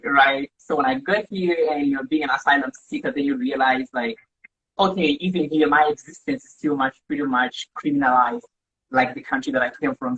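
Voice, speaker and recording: On a live stream, a community organizer from Zimbabwe appears as a guest and earnestly recounts her story, often saying "right?". Her low-pitched voice has vocal fry and a fairly bright tone, picked up by a phone or laptop mic in dull, lo-fi audio.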